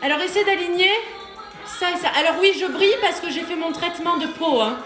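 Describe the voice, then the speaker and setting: A woman's voice: very high voice, fairly quick. A woman coaching a live home workout, chatty and joking as she gives exercise cues between comments from viewers. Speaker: fitness coach. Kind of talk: live workout coaching while reading chat. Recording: roomy room with music playing. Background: workout music.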